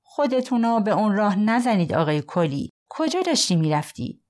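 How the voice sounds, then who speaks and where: A woman's voice: medium pitch, sing-song, a little mellow, pitched above the performer's own voice, natural voice. A woman voicing a stern male police officer who coldly makes an arrest in an audiobook. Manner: curt, firm, mocking.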